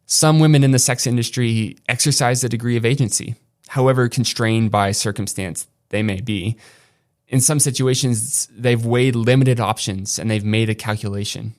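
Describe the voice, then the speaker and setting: A man hosting a podcast, narrating a documentary script in a measured, earnest and emphatic way. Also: mid-range voice, steady tone. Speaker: podcast host. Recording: narration over clear music.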